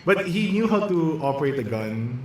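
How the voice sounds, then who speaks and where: A man's voice: on the high side, very animated, moderate pace, a little hiss or hum. A man from the Philippines with a Filipino accent, a guest chef in casual podcast chat, talking freely with frequent restarts and laughing often. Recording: very echoey room.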